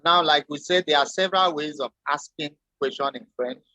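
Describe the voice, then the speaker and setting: A man teaching a French lesson, explaining slowly and deliberately with spoken examples. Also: fairly high pitch, pushed and bright, dry recording. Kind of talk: lecture.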